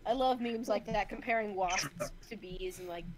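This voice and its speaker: A woman's voice: medium pitch, moderate pace, crowd noise. Young woman, chatty and eager, upbeat casual talk. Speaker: co-host. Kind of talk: casual chat while drawing.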